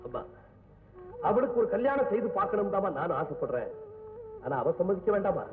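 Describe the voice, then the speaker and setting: A man's voice: sits high, big pitch swings, fairly quick, long reverb tail. An actor playing a troubled middle-aged man, an uncle who speaks in an anxious, pleading way. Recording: tinny far-off old film soundtrack with music.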